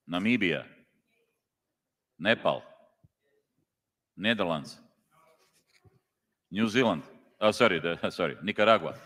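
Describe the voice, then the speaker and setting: Slow deep-voiced man calling a roll. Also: a bit bright. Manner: slow, reads out country names one by one. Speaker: congress official calling the roll. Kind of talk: roll call at a meeting. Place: large conference hall. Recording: long hall reverb.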